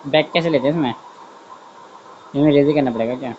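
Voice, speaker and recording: A man of medium pitch talks fairly quickly, heard through narrow, tinny audio with slight background noise. As a science teacher in an online class, he keeps things chatty, thinks aloud during his drawing, and leans on "theek hai" a lot. He corrects himself and checks in on whether students follow.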